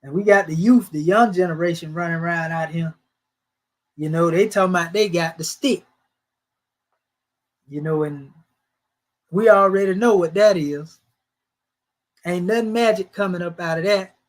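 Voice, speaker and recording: A man with a high-pitched voice and a Southern US accent delivers a scripture teaching in a sermon style. He speaks with a preacher's cadence, asking rhetorical questions and stressing his points with rising and falling emphasis. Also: normal speed, long pauses. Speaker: religious teacher.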